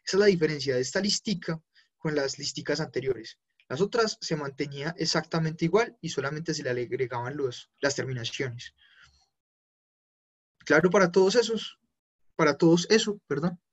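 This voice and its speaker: Guy teaching german online, kinda high voice, slow careful explaining, fixes himself a lot. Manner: explains slowly, spells out endings, self-corrects. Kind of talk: online class with live chat.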